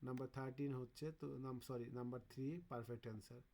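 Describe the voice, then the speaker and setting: A man leads a casual exam-prep lesson, talking students through kanji questions. He pauses to sound out Japanese words slowly, as if thinking aloud. His voice sits at an ordinary middle pitch. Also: little pitch movement, dark tone. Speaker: Japanese language teacher.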